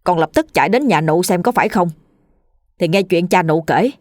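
A woman's voice: lowish voice, expressive, normal speed, darkish tone, no echo, clean studio sound, close to an everyday voice. A woman voicing a grieving village man who pleads before an official in a spoken ghost story, her tone choked and earnest. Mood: pleading.

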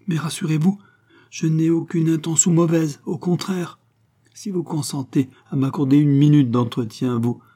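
A man voicing a timid, flustered young gentleman who speaks hesitantly, at times half-whispered, in a storybook reading. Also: mid-range voice, steady tone, brisk, few pauses, pitched above the performer's own voice, lightly acted.

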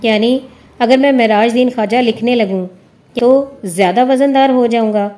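A woman reading the lines of a calm senior male lawyer with a dry, teasing wit, in a measured way. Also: on the high side, lightly acted.

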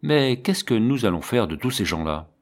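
A man's voice: mid-range voice, big pitch swings, normal speed. A man reading the lines of an anxious monastery prior who foretells the end of the world, insistent and defensive. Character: anxious doom-preaching male monastery prior.

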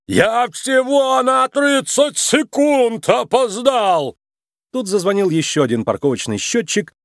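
A man narrating a children's storybook in a lively, expressive reading style. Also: fairly high pitch, no room sound, studio quality.

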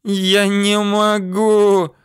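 A man doing a shrill desperate little girl. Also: completely flat delivery, extremely slow, clear, resonant tone, no room sound, clean studio sound. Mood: wailing. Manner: shrill crying out.

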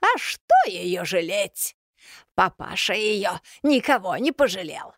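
A woman's voice: fairly low pitch, animated, unhurried, creaky, dry recording, studio quality, exaggerated voice. A woman voicing a spiteful old witch who talks with sneering, gloating scorn. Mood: scornful.

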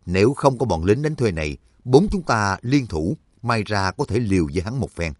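A man reads a worried, grim fighter in a storybook scene, his voice low with lively movement. The sound is dry and close to the mic. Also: moderate pace, dry recording. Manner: tense and grim. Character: worried male fighter weighing the odds.

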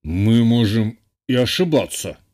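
A man voicing an older male university rector, proud and weary, in a lower, gruffer voice in an audiobook. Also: moderate pace, a little mellow, lightly acted. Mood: grave, indignant. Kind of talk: audiobook character voice.

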